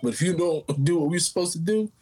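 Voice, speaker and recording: A man's voice: a little high, fast talker, noisy background. An American man chatting casually about politics in a slangy, emphatic way.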